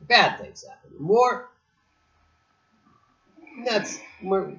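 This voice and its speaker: A man's voice: high voice, animated, very slow, gravelly, sharp tone. A man chatting casually on a beach, telling a story in a rambling, digressive way with many restarts. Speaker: host. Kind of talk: casual chat. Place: outdoors on a beach. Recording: dull lo-fi recording.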